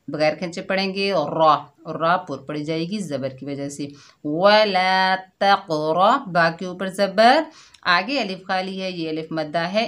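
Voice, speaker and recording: A woman teaching Quran recitation word by word, patient and explanatory, slowing to draw out each recited word. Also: on the low side. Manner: patient and explanatory, often adding a checking "theek hai"; slows and draws out the recited words. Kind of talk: slow word-by-word recitation lesson.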